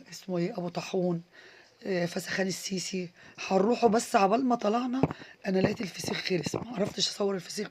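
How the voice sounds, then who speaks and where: A woman's voice: on the low side, a little mellow, slight background noise. A young Egyptian woman with an Egyptian Arabic accent, chatting enthusiastically to her viewers in a casual vlog voice-over. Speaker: vlogger.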